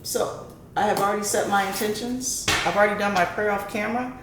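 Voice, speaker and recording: A woman's voice: mid-range voice, a little fast. A woman hosting a casual tarot and horoscope reading for her viewers, often checking in with a questioning "right?". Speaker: tarot reader and channel host. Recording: roomy echo, faint background noise.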